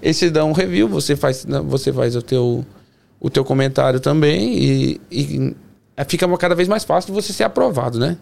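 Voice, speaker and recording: Easygoing man with a gravelly voice. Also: a little high, animated, moderate pace, a little mellow. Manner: easygoing, rambling explanations. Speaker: guest traveler. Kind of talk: casual podcast chat. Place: podcast studio.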